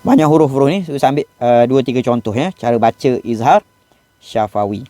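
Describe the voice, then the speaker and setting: A man with a Malaysian Malay accent teaching Quran recitation rules, explaining patiently and slowing down to model each example. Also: mid-range voice, dark tone. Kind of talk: classroom lesson on recitation rules.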